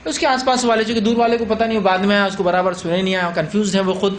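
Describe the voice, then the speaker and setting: A man's voice: high voice, steady tone, a little hiss or hum. A man from India giving a religious lecture, explaining points conversationally with rhetorical questions and acted-out examples. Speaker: Islamic lecturer.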